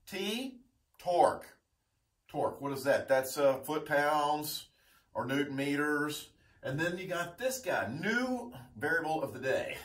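A man in his fifties gives a whiteboard lesson in a lively voice that swoops up and down and sits a little high. He jokes and teases his students as he goes. The sound is roomy and comes from a camera set well back. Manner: joking, animated, teasing students. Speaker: engineering instructor. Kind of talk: whiteboard lecture. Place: classroom at a whiteboard. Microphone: camera mic from across the room. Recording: echoey classroom, mic from far off.

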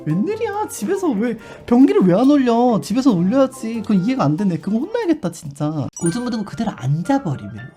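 A male live streamer in casual chat, expressive and animated, with sudden shrieks. His voice swings widely in pitch. Loud background music runs through the stream. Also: brisk.

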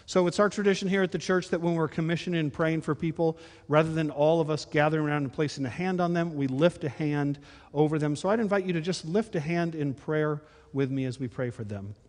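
Upbeat pastor in a reverberant church. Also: male voice, fairly high pitch, a little fast, darkish tone. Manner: friendly, upbeat announcing with fillers. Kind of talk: church announcements and prayer. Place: large church sanctuary. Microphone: handheld microphone. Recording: long reverb of a church hall.

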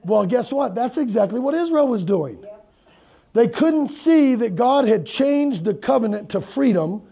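A middle-aged male pastor delivers a conversational sermon in a church hall. His voice is pitched fairly high, yet it sounds dark and mellow, with a gravelly rasp running through it. He moves around as he talks and keeps asking the room questions. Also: animated, a little slow. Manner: conversational preaching, asks the congregation questions; moves around and gestures while preaching. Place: church hall with a projection screen.

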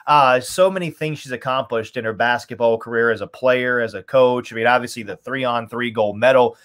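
A radio play-by-play announcer in his thirties, appearing as a podcast guest, talks through team analysis conversationally and repeats words for emphasis. He's on a webcam-framed video call from a small room at home, his medium-pitched voice fairly bright and at normal speed.

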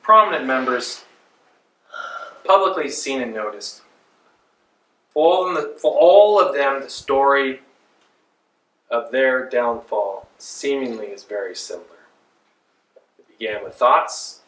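A man's voice: medium pitch, measured pace, long pauses. A man in his forties preaching a sermon from a pulpit in a small church, talking in a loose, conversational way. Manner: conversational, animated with hand gestures. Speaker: pastor. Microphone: far camera. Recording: roomy church echo, mic at a distance.

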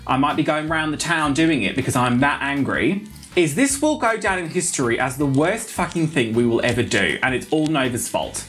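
A man's voice: a little high, expressive, normal speed, a bit bright, soft background music. A British man speaking as a sassy, bitchy drag queen co-host, sweary and mock-outraged in comic banter. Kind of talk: comic banter, toy reaction video. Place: small indoor set.

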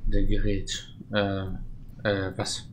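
A man doing casual let's play commentary, reading game text aloud and thinking out loud. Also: lowish voice, monotone, slow, slight background noise, low-quality recording. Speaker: let's player, channel host.

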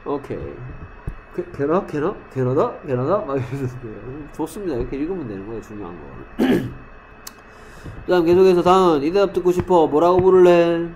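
A male English teacher in a classroom, quizzing students by name and slowly repeating English example sentences. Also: fairly high pitch, a little mellow, a little hiss or hum. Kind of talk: classroom lesson.

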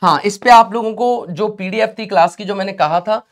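This online exam-prep teacher is young, his voice sitting high, brisk and gravelly, and his throat is sore so he keeps clearing it. Encouraging and talkative in his live class, he sprinkles in English phrases and addresses students as "beta."

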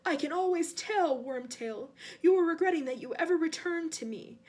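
A woman voicing a cold, menacing, weakened male dark lord in an audiobook, imperious and deliberate, sometimes sinking to a breathy hiss. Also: very high-pitched, animated, voice pushed up. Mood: angry, menacing. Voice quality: breathy, hissing whisper at times.

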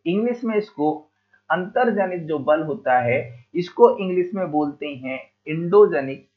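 A man giving a geography lesson, often repeating key terms and putting questions to the class, casually calling his listeners "brother.". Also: fairly high pitch. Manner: casual, addresses listeners as "bhai". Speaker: teacher. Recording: phone-like narrow sound.

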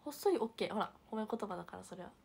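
A young woman livestreaming, chatting casually and reading viewer comments, with a hint of Hiroshima dialect and soft murmured asides. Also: mid-range voice, expressive, racing, vocal fry, slightly rough. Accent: picking up Hiroshima dialect. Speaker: idol livestreamer.

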